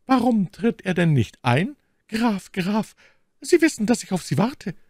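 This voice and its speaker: A man voicing a scheming, seductive noblewoman in a high, soft, honeyed voice for an audiobook. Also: animated, normal speed, dry recording, studio quality. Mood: sweetly coaxing. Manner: honeyed and breathless.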